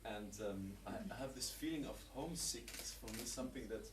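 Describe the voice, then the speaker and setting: A man's voice: medium pitch, a little fast. A man who grew up in Germany, a theater performer, talking hesitantly about his work after a show. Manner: hesitant, searching for words. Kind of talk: post-show talk. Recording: echoey room from far off, noisy.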